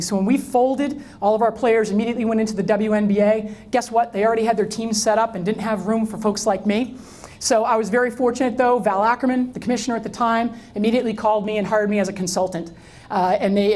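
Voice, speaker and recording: A middle-aged woman giving a storytelling talk to an audience, speaking in a lively way and often repeating words as she restarts. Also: medium pitch. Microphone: wireless mic that drops out.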